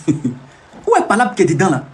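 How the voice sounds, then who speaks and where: Young male live streamer, brags and teases while repeating himself, pitched high and lively. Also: unhurried. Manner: boastful, teasing, repeats phrases over and over. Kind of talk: casual boastful live-stream talk.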